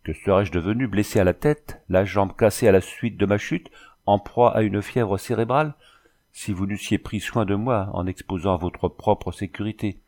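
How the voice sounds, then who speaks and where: A man reading the lines of a wounded young French engineer, emphatic and lifted in pitch. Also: moderate pace, a little mellow, close to an everyday voice. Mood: insistent.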